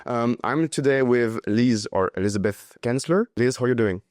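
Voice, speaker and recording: A man with a French accent hosting a podcast interview in a relaxed, conversational way, sometimes searching for his words. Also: medium pitch, moderate pace, no echo. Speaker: podcast host. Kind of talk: casual interview. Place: home in Paris.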